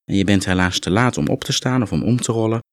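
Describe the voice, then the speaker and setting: A man guiding a muscle relaxation meditation, calm and instructive, gently coaxing the listener along. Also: lowish voice, fast, no echo, clean studio sound. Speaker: relaxation exercise guide.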